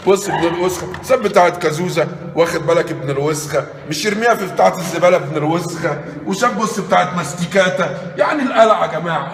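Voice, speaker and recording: A man with an Egyptian Arabic accent, a comic vlogger touring an old fortress, loud and excitable, cursing and acting scared, dropping in broken English. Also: sits high, vocal fry. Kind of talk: comic vlog exploring a site. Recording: echoey hall with ambient noise.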